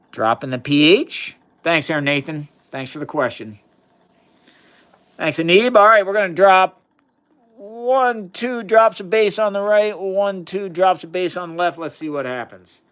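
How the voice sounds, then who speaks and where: Enthusiastic male science streamer, slightly high voice, chatty teacher tone. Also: normal speed, a bit bright. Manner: chatty, enthusiastic, reads chat aloud. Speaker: science livestream host. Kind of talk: casual live science demonstration.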